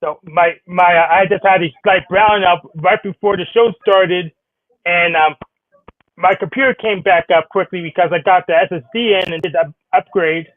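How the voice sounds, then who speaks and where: A man co-hosts a casual chat from his home office through a wireless earbud. The line is thin, glitchy, and phone-quality with no room sound. His voice is high-pitched and steady in tone, and he rambles hurriedly, correcting himself as he goes.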